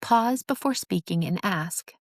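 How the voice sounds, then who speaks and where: Female host, instructive and earnest, gravelly edge, dry studio read. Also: on the low side, expressive, unhurried, no echo. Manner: earnest, instructive, acts out sarcastic examples. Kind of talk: teaching monologue on relationships.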